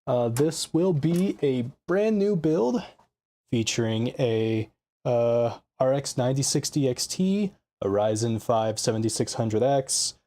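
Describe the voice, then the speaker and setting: Starting a PC build at his home desk, a young man on his first stream chats in a scattered, self-deprecating way, thinking aloud while tinkering with audio settings. His dark, medium-pitched voice comes slowly through a desk mic with live compressor tweaks.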